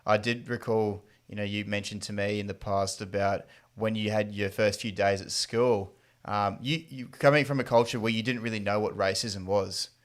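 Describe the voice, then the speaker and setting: Man, podcast host, earnest, asks questions, lowish voice. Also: steady tone, moderate pace. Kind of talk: casual podcast interview.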